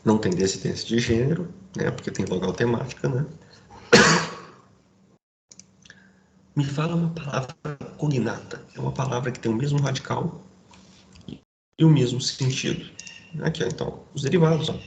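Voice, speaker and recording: A man teaching a grammar lesson, explaining step by step and checking in with his students through quick asides. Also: medium pitch, animated, creaky. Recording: roomy echo, faint background noise.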